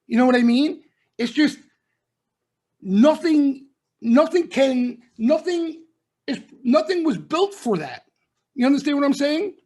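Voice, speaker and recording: Expressive and measured, with frequent pauses, this very high, slightly mellow voice belongs to a middle-aged man running a trading broadcast. His live market talk is blunt and emphatic, peppered with slang, and nearly every point ends in "okay?" or "right?"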